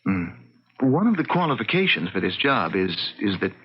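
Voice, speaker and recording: Dull old radio drama recording, flustered office manager, low husky voice, stammering, earnest. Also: male voice, very animated, moderate pace. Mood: flustered, tentative. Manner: hesitant, stammering. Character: flustered, earnest male employment agency manager.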